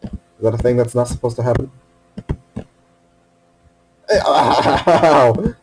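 A man playing a video game alone in a room at his computer, wearing headphones, talking to himself with casual commentary, swearing and bursting into sudden excitement. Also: medium pitch, slow, husky, low-quality recording. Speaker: let's play gamer.

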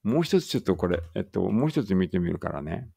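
A man teaching an English read-aloud lesson in casual speech, thinking aloud and correcting himself, and reading the English lines slowly and carefully. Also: low-pitched, big pitch swings, vocal fry, mellow, breathy edge, no echo, studio quality.

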